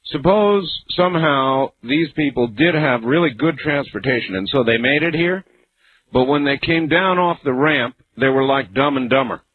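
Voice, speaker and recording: A man hosting a late-night call-in radio show, relaxed and wry, pushing back on his callers. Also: medium pitch, moderate pace. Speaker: radio talk show host. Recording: phone-like AM radio broadcast with faint hiss.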